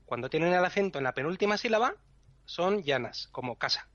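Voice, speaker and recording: The podcast's language section guest has a high-pitched, expressive, brisk voice that's a bit bright. He patiently walks a co-host through language rules in a teacherly way, chuckling often, in an explanatory chat recorded dull and lo-fi with faint music and no room sound.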